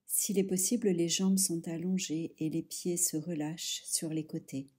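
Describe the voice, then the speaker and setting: A woman with a lowish, breathy-edged voice guides a hushed, soothing yoga nidra relaxation. She keeps her intonation fairly even and speaks in short instructional phrases broken by long pauses.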